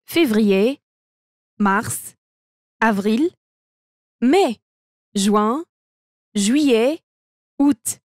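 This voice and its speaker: A woman reading a language textbook aloud, with both the teacher's and the students' lines in a deliberate manner that also speaks out the notation. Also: on the high side, darkish tone, no echo, clean studio sound. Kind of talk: slow textbook read-aloud.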